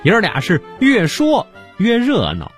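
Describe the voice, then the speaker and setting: A man's voice: sits high, wildly swooping pitch, unhurried. A man hosting a radio comedy show in a jovial, chatty way. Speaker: radio host. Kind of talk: radio presenting with rhymed intro. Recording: music playing behind.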